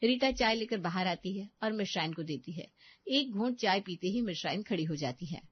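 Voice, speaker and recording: A woman giving even, scripted narration of a cartoon story. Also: mid-range voice, moderate pace, breathy edge, no echo. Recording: dull dry lo-fi recording.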